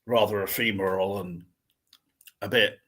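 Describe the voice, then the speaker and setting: A man's voice: on the low side, steady tone, unhurried, a bit bright. A middle-aged man co-hosting a casual chat, speaking in a hesitant, rambling and thoughtful way.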